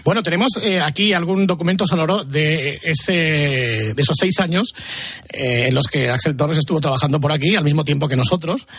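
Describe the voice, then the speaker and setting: A male radio host with a husky, slightly raised voice, recorded dry. He moves things along briskly, introducing clips and callers. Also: fairly high pitch, a bit bright, no room sound. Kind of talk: radio show hosting.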